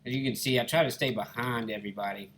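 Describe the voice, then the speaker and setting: A man from Alabama, United States, hosts a gaming channel, speaking quickly in a mid-range, fairly bright voice with fairly even intonation, and a little hiss or hum. In a Southern Alabama accent, he gives easygoing, folksy, casual commentary over his gameplay and calls viewers "guys" and "y'all."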